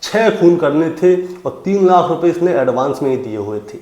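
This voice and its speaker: A man's voice: fairly high pitch, animated, moderate pace, warm tone. A man narrating a true crime story to his audience, calling them friends and retelling it step by step. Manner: addresses listeners as friends, dramatic retelling. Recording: roomy echo.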